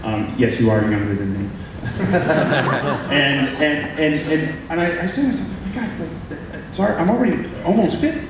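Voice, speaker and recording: A man in his forties hosts a live onstage chat, rambling and restarting as he talks. His voice is caught from a distance in a very echoey live room. A steady noise sits behind him. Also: on the high side, moderate pace. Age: 40s. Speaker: host. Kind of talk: onstage interview. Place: live event stage.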